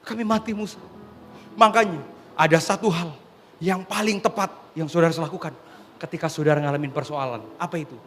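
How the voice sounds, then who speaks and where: A man's voice: on the high side, steady tone, quick pace, a bit bright, a little hiss or hum. A man pastor preaching a dramatic sermon to a congregation, often calling out to his listeners as "sir". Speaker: pastor giving a testimony sermon. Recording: long hall reverb with faint music.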